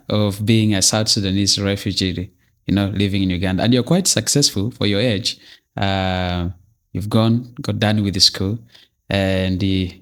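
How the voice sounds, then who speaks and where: A man hosting a podcast interview, opening with a polished welcome and chatting casually with his guest. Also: lowish voice. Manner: polished scripted intro, then casual chat. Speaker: podcast host.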